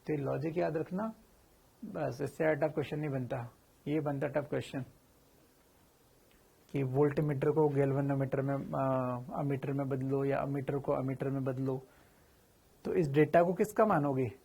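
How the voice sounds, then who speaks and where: A man's voice: mid-range voice, fairly even intonation, unhurried, creaky, pauses often, mellow, husky. A man teaching physics in a chatty, informal lecture, asking questions and answering them himself. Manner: addresses students familiarly, slips in slang.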